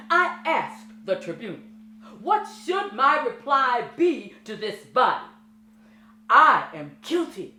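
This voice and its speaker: A woman's voice: high-pitched, sharp tone, a little hiss or hum, full character voice. A woman acting a vain, arrogant male god on trial, with a grandiose, theatrical stage delivery. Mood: defiant. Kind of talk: stage drama performance. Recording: roomy stage with music behind.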